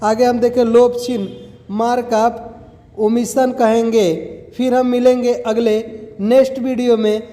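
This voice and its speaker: A man's voice: very high voice, little pitch movement, a little slow, warm tone. Guy teacher going thru an exam grammar lesson, asks then answers himself, long echo like a big hall. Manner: explains step by step, poses questions and answers them.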